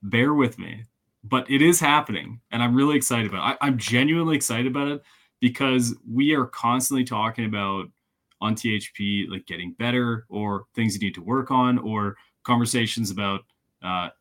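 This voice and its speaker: A man's voice: medium pitch, moderate pace, fairly bright tone. A man from Ohio hosting a casual golf podcast, rambling and self-deprecating. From Ohio, USA. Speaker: podcast host.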